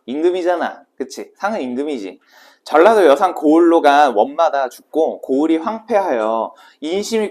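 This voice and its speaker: A man's voice: a little high, a little mellow. A male Korean literature teacher giving a casual exam prep lecture, quizzing his students and then answering his own questions. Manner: brisk and casual, asking students questions and answering them himself.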